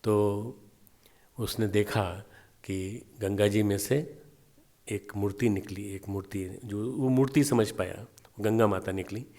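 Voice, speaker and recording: A man's voice: lowish voice, steady tone, slow pace, mellow. A man giving a devotional meditation class as a spiritual teacher, telling stories and repeating phrases for emphasis.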